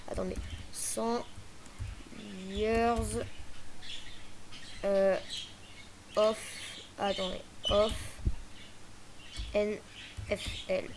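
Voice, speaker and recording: A woman's voice: fairly high pitch, slight background noise. A woman chatting casually through a game tutorial, hesitant, with many fillers and restarts. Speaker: gaming video creator.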